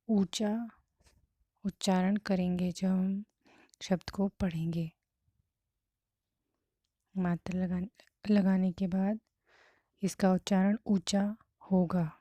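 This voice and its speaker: Woman teacher, very slow and deliberate, sounds out each word for learners. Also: medium pitch, little pitch movement, mellow, no echo. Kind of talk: slow Hindi vowel-sign lesson.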